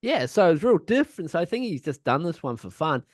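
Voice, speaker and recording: A man's voice: on the high side, very animated, a little fast, no room sound, clean studio sound. A man co-hosting a punk podcast in casual chat, rambling, swearing a lot and laughing often. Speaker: podcast co-host.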